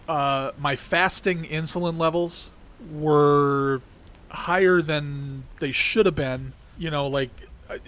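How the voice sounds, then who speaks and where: This middle-aged podcast host gives a casual political monologue, first heated and ranting, later rambling and chatty. His voice is a little high and a bit bright, congested and repeatedly cracking.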